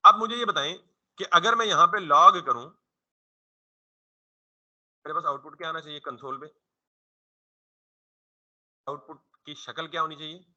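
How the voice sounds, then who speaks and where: A man's voice: on the high side, normal speed, pauses often, pushed and bright, lo-fi sound. A man giving a programming tutorial in a casual classroom manner, often quizzing the listener with questions and then answering them himself. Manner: informal, conversational classroom explaining. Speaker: programming instructor. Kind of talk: coding tutorial lecture.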